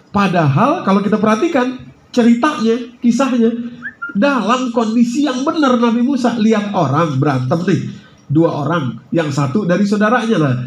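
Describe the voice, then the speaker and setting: A man's voice: high voice, a little hiss or hum. A male Islamic preacher giving a sermon at a study gathering in a restaurant lounge, reciting Arabic verses and explaining them to his listeners. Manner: addresses the audience directly, recites Arabic verses then explains. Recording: roomy echo from a distant mic, faint ambience.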